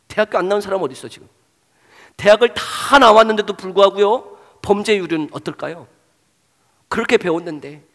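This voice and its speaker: A male pastor preaching a sermon, asking the congregation rhetorical questions and swinging between loud exclamations and hushed asides. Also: high-pitched. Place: church sanctuary. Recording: long hall reverb. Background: hall reverb.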